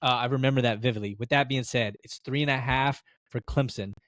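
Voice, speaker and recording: A man's voice: mid-range voice, fast, fairly bright tone, no room sound. Chatty sports podcast co-host man, dry sound. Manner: chatty, storytelling, laughs easily. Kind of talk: casual sports chat.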